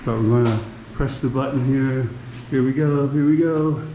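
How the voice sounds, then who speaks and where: A man's voice: mid-range voice, moderate pace, mellow, dull audio, a little hiss or hum. A man chatting casually to camera as a travel vlogger, rambling and offhand. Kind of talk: casual vlog chat.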